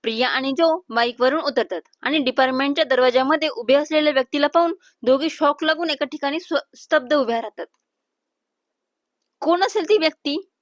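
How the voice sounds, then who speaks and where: High-voiced woman telling a romance story. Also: a little fast, dry recording, clean studio sound. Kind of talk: scripted story narration.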